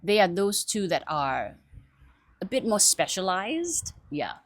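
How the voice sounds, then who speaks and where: A woman vlogging in a casual, animated chat, often laughing and poking fun at herself. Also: medium pitch, takes it slowly, dry recording. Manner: animated, chatty, laughing often, self-mocking.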